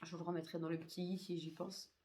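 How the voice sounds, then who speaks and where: A woman's voice: lowish voice, level tone, quick pace, noisy background. A woman reviewing used-up beauty products in a chatty way, full of hesitations and fillers. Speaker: beauty vlogger.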